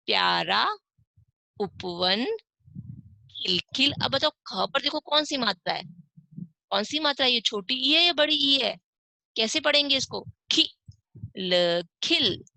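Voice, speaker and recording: A woman's voice: mid-range voice, creaky, bright, forceful tone, no echo. A woman teaching an online class to young children, sounding out words syllable by syllable and asking the class questions. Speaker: primary school teacher.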